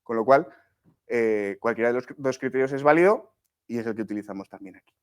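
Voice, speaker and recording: Man, workshop teacher, live lecture, middle pitch, restarts a lot, checks in with the class. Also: fast, clear, resonant tone. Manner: explanatory, frequent checks with "¿sí?" and "¿vale?", many restarts.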